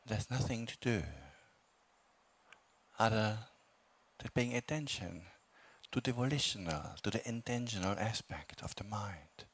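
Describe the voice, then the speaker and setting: A Buddhist monk who teaches meditation speaks in a low, husky voice. His pace is calm and unhurried as he offers gentle instructions in brief phrases, with long silences in between.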